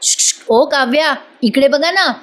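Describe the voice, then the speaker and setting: A woman's voice: sits high, fairly bright tone, pitched above the performer's own voice. A woman voicing a teasing, wheedling young husband. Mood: pleading. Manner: pleading, drawn-out calls for attention. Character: lazy young male architect, teasing and wheedling.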